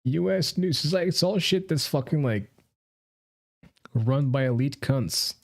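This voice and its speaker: A man's voice: fairly high pitch, lively intonation, a little slow, vocal fry. A man co-hosting a casual live podcast, ranting crudely with a lot of swearing. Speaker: podcast co-host.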